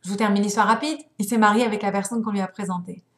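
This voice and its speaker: A young adult woman teaching a spiritual lesson, telling stories in an animated way and acting out the voices. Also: medium pitch, racing. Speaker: religious teacher. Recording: roomy echo.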